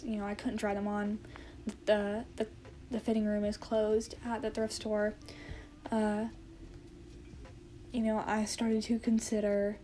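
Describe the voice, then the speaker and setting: A woman's voice: mid-range voice, warm tone, slight background noise. A woman in her twenties chatting casually to camera, hesitant and rambling, often correcting herself as she goes. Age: 20s. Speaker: vlogger. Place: indoor room at home with plants.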